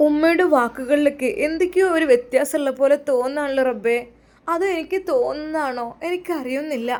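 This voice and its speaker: A woman's voice: high-pitched, brisk, voice pushed up, close to an everyday voice. A woman voicing a hurt young wife. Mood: troubled. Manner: soft, pleading inner monologue.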